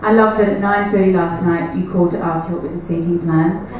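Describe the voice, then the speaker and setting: A woman's voice: lowish voice, fairly even intonation, fairly quick. Echoey woman giving a wedding toast. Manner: affectionate, sentimental. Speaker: sister of the bride giving a wedding speech. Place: large echoey venue at a wedding reception. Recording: echoey, noisy, distant event recording.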